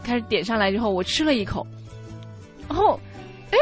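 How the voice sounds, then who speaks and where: A woman from southern China with a southern Chinese accent, co-hosting a radio chat show and telling stories in an animated way, laughing often. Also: mid-range voice, rapid-fire, faint music behind. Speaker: radio co-host.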